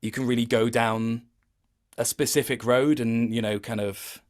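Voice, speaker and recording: A man talks shop like a working actor while chatting casually as an interview guest. His medium-pitched voice has fairly even intonation and a moderate pace, and he picks through each point thoughtfully with a touch of self-deprecation.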